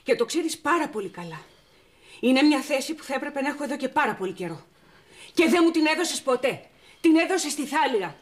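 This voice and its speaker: A firm high-voiced editor. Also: female voice. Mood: defiant. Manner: firm, self-justifying, calming. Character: proud determined woman editor, standing her ground. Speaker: new magazine editor. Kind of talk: TV soap drama acting.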